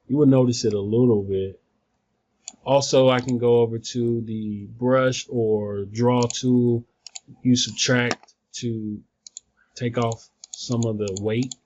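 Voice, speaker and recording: A man giving a casual, rambling software tutorial, thinking aloud, recorded on a phone some distance away. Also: medium pitch, steady tone, slow pace, muffled recording, a little hiss or hum. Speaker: video tutorial presenter.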